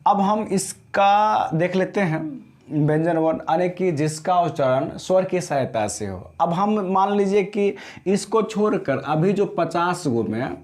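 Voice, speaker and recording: A man teaching a grammar class, explaining slowly and often checking whether students understood. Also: sits high, expressive, a little mellow. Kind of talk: classroom lesson.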